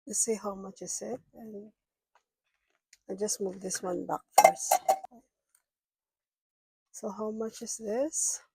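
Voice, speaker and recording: A woman's voice: medium pitch, fairly even intonation, slow, gravelly, long pauses, warm tone, slightly rough, no room sound, low-quality recording. A middle-aged woman who is sick, vlogging about her budget and murmuring as she counts cash aloud, half to herself. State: sick, rough voice. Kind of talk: casual counting-along vlog.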